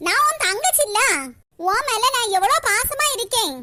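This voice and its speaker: A woman's voice: extremely high pitch, lively intonation, moderate pace, very noisy. A woman voicing a chatty, teasing schoolgirl younger sister in a cartoon, with a Kanyakumari Tamil accent.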